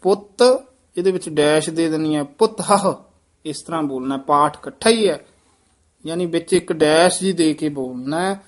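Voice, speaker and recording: A man teaching scripture recitation, correcting pronunciation and pauses, then modelling the lines slowly. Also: a little high.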